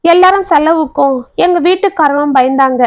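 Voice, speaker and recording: A woman's voice: high-pitched, moderate pace, dry recording, highs cut off, natural voice. A woman voicing a young wife in a story, speaking in an emotional, pleading way. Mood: grateful. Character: young wife, tearful and remorseful.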